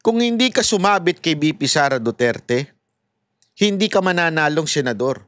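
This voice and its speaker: A man's voice: on the high side, animated, normal speed, a bit bright, no room sound, studio quality. Mocking, heated man. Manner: mocking, heated and sarcastic, addressing viewers directly. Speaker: political commentator. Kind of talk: casual political commentary to viewers.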